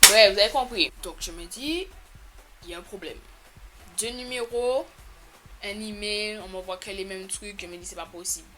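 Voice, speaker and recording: A woman telling a storytime to her camera in a casual, animated, exasperated way, with sudden loud jumps in pitch. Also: fairly quick, faint music behind. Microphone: camera mic.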